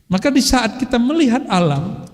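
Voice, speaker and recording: A man's voice: extremely high pitch, very animated, normal speed. A middle-aged man preaching a religious study talk in a casual, conversational way, weaving in Arabic phrases. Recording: long hall reverb.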